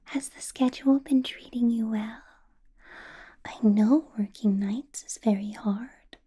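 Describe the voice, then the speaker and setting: Whispering throughout an ASMR roleplay, a woman plays a centuries-old female vampire boss who is teasing and possessive, sounding menacing with playful laughs. Her voice is a little high, with a dark tone and slight roughness.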